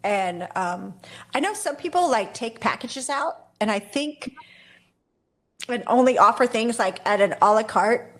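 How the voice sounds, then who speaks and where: Woman, guest expert, casual interview chat, slightly high voice, rambling, self-correcting. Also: lively intonation, a little slow. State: briefly coughing and hoarse. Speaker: photography business owner, guest expert.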